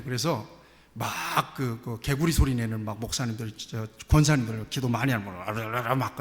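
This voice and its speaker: A man preaching a sermon as pastor, telling stories with lively asides. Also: mid-range voice. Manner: animated storytelling, acting out quoted voices. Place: church sanctuary. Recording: church hall reverb.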